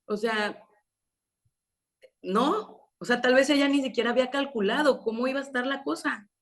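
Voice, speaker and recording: A woman's voice: sits high, moderate pace. A woman with a Mexican accent preaching a sermon at a women's meeting, telling a story in a conversational way with many rhetorical questions.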